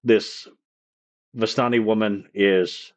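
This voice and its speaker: A man running a live-streamed tabletop game as game master, rambling and halting with many fillers. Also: lowish voice, fairly even intonation.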